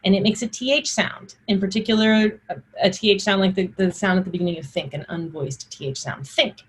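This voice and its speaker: Female instructor, Old English pronunciation lesson; slightly raspy mid voice, informal explainer who clearly models each archaic word. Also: medium pitch, fairly even intonation, fairly quick. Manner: informal, explanatory, enunciates examples. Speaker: teacher. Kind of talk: spoken pronunciation lesson with Old English words sounded out and recited.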